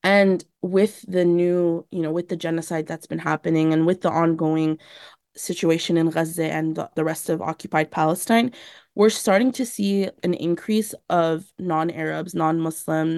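A young woman with a low voice and a gravelly edge answers as an organizer in an interview. She talks in an earnest, loose way, often saying "you know" and "like". The sound is dry and close. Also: darkish tone, dry recording. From San Diego, USA. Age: young adult. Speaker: youth organizer guest. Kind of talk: radio interview.

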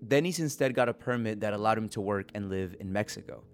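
A man reporting and hosting, telling a documentary story in a steady, earnest way. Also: fairly low pitch, fast, faint music behind. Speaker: podcast reporter and host. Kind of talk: documentary podcast narration.

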